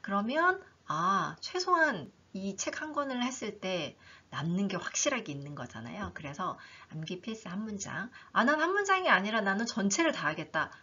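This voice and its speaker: A woman teaching an English book in a lively online lesson, reading lines aloud and explaining them, often voicing the learners' questions herself. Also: mid-range voice, husky. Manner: animated, talks herself through learners' questions. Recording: dull lo-fi recording.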